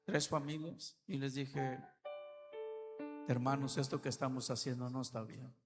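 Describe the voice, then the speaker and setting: A man's voice: mid-range voice, fairly even intonation, unhurried. Impassioned preacher man, echoing church. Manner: impassioned, swings from soft to loud. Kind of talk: sermon. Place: church hall. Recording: church reverb with keyboard music. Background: keyboard music.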